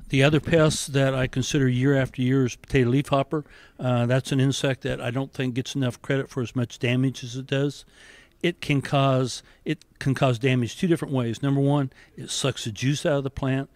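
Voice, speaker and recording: A man's voice: mid-range voice, fairly even intonation, a little fast, darkish tone, no echo. A man who is a university entomologist, answering interview questions in a methodical, explanatory way in an office with a handheld mic held toward him. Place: office with windows and plants, indoors.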